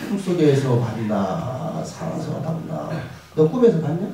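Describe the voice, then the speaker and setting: A male pastor giving a lively chapel sermon to students, acting out prayers and quizzing the audience. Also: a little high, unhurried, gravelly, crowd noise. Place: school chapel. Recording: echoey hall, mic from far off.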